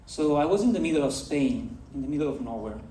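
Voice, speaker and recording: An Italian man gives a storytelling keynote, drawing the audience in with direct questions. His voice is mellow and sits a touch high for a man. The sound is roomy and distant, like a big stage heard from afar. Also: animated, fast, a little hiss or hum. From Italy. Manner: engaging, addresses the audience directly. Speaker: conference speaker. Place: large festival stage. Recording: echoey hall, voice from far off.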